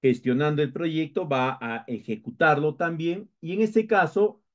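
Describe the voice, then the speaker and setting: A man's voice: a little high, unhurried. Peruvian man lecturing, muffled recording. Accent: Peruvian Spanish. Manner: explanatory, with frequent hesitations and restarts. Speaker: instructor.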